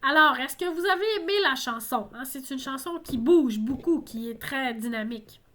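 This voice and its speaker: Higher-voiced woman explaining lyrics. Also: animated, moderate pace, bright, forceful tone, a little hiss or hum. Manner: explanatory, frequent tag "hein". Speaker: French teacher. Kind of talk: song lesson explaining lyrics.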